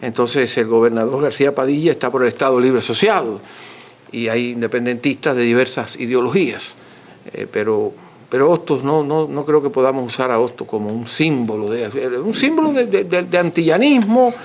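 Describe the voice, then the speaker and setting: A man's voice: medium pitch, normal speed. A man gives an extempore scholarly talk as a lecturer, teaching courteously and repeating points for emphasis. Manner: didactic, emphatic repetition, courteous. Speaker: author and lecturer answering audience questions.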